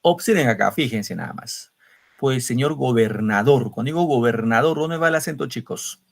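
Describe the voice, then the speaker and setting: A man teaching an online class, lively and questioning, repeating words syllable by syllable. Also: mid-range voice, normal speed, vocal fry. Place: home, video call. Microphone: computer mic on video call.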